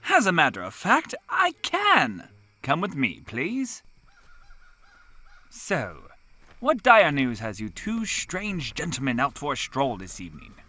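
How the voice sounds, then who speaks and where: An actor voicing an awkward forest stranger, polite on the surface and easily flustered underneath. The voice leaps all over its range and has a bright, sharp edge, suited to a comedic fantasy audio drama. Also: mid-range voice, wildly swooping pitch, takes it slowly, dry recording, full character voice. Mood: courteous. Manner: courteous, then flustered and defensive.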